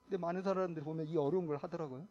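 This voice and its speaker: A male pastor preaching in a church with a high voice for a man. He preaches in an animated way, swinging between soft asides and loud, emphatic lines. He keeps putting short questions to the congregation. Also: racing, muffled recording, faint music behind. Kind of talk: sermon. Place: church sanctuary.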